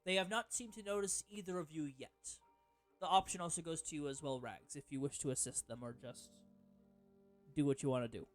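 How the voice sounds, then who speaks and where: A man's voice: a little high, brisk, faint music behind. A man narrating as game master of a tabletop game, rambling with many fillers and self-corrections.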